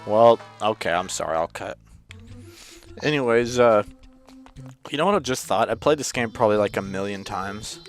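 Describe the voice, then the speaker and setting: A man giving casual, rambling gameplay commentary as a let's play host, with sudden loud outbursts and hiccups. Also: fairly low pitch, expressive, normal speed, long pauses, soft background music.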